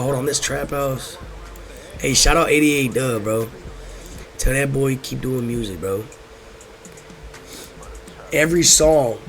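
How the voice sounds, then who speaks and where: A young American man telling stories casually in laid-back stoner talk, slangy and profane, rambling and repeating himself. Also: medium pitch. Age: young adult. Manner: rambling, repeats phrases, drifts off track. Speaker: host telling personal stories.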